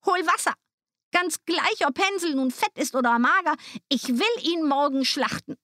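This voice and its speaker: A woman voicing a cruel, greedy old witch in a storybook reading, with a high shrill scolding voice. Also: animated, moderate pace, a bit bright, no room sound, clean studio sound. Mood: impatient.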